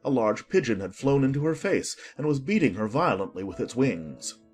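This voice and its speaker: A man narrating a scripted audiobook story in an expressive manner. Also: medium pitch, moderate pace, soft background music.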